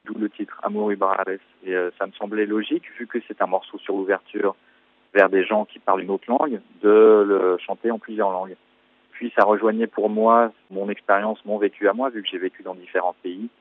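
A French man in his forties, a musician answering radio interview questions in a thoughtful, explanatory way, pausing on fillers. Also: lowish voice, little pitch movement, dry recording. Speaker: musician guest. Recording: tinny phone-like line, dry.

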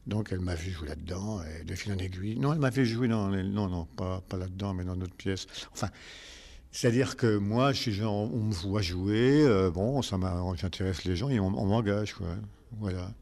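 An older man, a stage actor, answering interview questions in a rambling, halting way with many restarts. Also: deep voice, vocal fry, a little mellow.

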